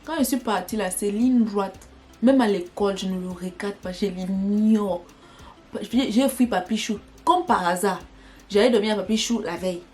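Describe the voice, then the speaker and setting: A young woman telling a personal story in an animated, dramatic way for her vlog. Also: mid-range voice, normal speed, soft background music. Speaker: vlogger.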